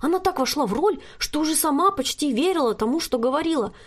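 A woman narrating a children's storybook in a lively, expressive reading. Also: high voice, fast talker. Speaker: reader.

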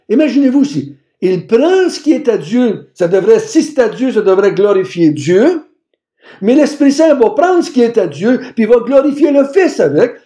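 A man's voice: high voice, warm tone, roomy sound. A man teaching a Bible passage, emphatic and repeating phrases for stress. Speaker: preacher.

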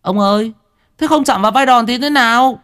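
A shrill, panicked little village boy cries out, his voice jumping high and loud. The speech races with urgency as he calls for help in a spoken ghost story. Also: a little fast, clean tone.

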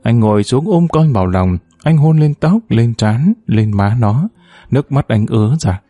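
A man narrating a story aloud in a measured, expressive audiobook style. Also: mid-range voice, dry recording.

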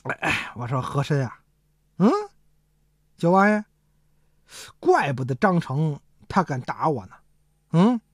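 A grumbling royal prince voiced by a woman complains in a lowered, muted tone. He sounds aggrieved and a little self-pitying in a storytelling tale. The recording is close and dry. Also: no room sound. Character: grumbling middle-aged royal prince, bruised.

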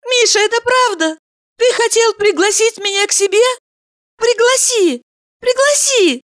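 A woman voicing an emotional, excitable young woman who pleads in shrill, breathless cries. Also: unhurried, exaggerated voice. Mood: excited.

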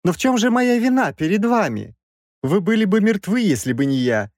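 A man doing a shrill whiny old professor. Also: big pitch swings, moderate pace, a little mellow, no echo, clean studio sound. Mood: excited, shrill. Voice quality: shrill, squealing. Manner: pleading, fussy, indignant. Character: whiny old male mad-genius professor. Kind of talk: audiobook character voice.

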